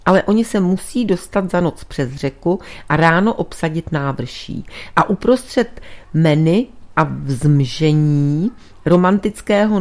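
A woman narrating a literary story in a measured, scripted audiobook reading. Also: low voice, darkish tone.

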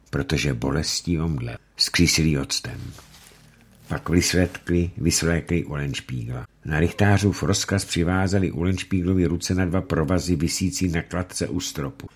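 A man reads a dark tale aloud in a grave, measured way. His voice sits very low and has a husky texture. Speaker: narrator. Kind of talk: dramatic audiobook narration.

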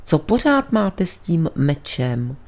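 A woman voicing a burly, blunt man who answers with gruff, skeptical retorts in a storybook reading. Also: low voice, sing-song, a little mellow. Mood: scoffing. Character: burly blunt male companion, skeptical and impatient.

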